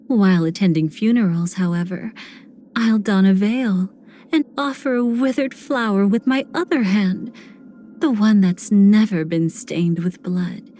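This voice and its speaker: Woman voicing a sinister game seductress, slow and languid, soft dark tone, theatrical breathy phrase endings, savoring betrayal. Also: mid-range voice, slight background noise, close to an everyday voice. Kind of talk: video game character voice lines.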